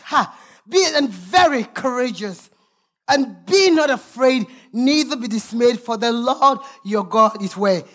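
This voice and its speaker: A woman's voice: high voice, a bit bright. A woman pastor preaching a sermon, reading scripture aloud with emphatic, sometimes sung, calls to the congregation.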